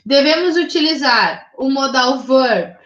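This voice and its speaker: A high-pitched woman with a Brazilian Portuguese accent walks her class through grammar rules step by step, patient and methodical, checking in every few phrases. Her voice sits in a roomy space, and the recording sounds slightly dull. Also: lively intonation, slow pace, a bit bright. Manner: patient, methodical, checks in with frequent tag questions. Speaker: English teacher.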